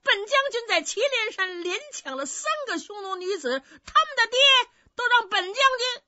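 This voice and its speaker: A woman voicing an arrogant, boorish male general who shouts and brags, in a dry, slightly dull recording. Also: very high-pitched, expressive, normal speed, no room sound, voice pushed up, heavily acted. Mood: bullying. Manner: bullying, shouting, boastful.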